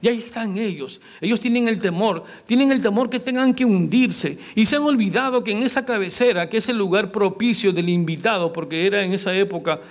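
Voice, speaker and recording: High-voiced male pastor preaching. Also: a little fast, few pauses. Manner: preaching with rhetorical questions to the congregation; acts out quoted lines in varied voices. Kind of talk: sermon.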